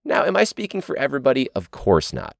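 A man's voice: mid-range voice, huge pitch swings, fast talker, gravelly, no echo, clean studio sound. A man hosting a teachers' podcast, ranting sarcastically and swearing, his voice sore. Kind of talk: casual monologue.

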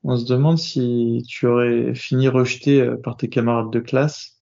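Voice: medium pitch, fairly even intonation, moderate pace, gravelly, a little mellow, lo-fi sound. A podcast host interviewing a guest casually, asking probing follow-up questions.

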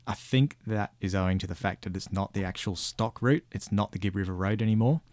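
A man's voice: lowish voice, a little fast, a little mellow, dry recording. A man with a broad Australian accent chatting casually and colloquially, giving laid-back travel advice. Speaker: guest recounting an outback road trip.

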